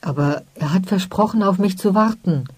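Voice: medium pitch, moderate pace, no echo, close to an everyday voice. Vorleser als verzweifelte junge Kaufmannstochter. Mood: tearful defiant. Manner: pleading, tearful, then shouting. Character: young woman, merchant's daughter, heartbroken and defiant.

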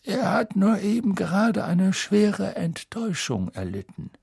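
A man reading an audiobook, voicing a calm, amused old male headmaster who speaks in measured tones. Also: sits high, creaky, husky, no echo, clean studio sound, pitched above the performer's own voice, full character voice.

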